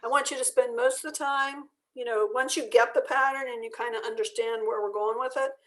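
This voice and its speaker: A woman leading an online drawing class, explaining each step in a relaxed, chatty way while losing her voice. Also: fairly high pitch, a little fast. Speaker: art workshop instructor. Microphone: video call.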